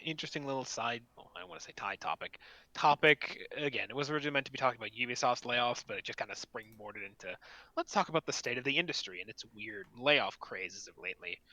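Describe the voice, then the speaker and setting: A man's voice: medium pitch, expressive, fast, sharp tone, no echo, low-quality recording. A man co-hosting a casual gaming chat, chatty and self-mocking, laughing often. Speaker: podcast co-host.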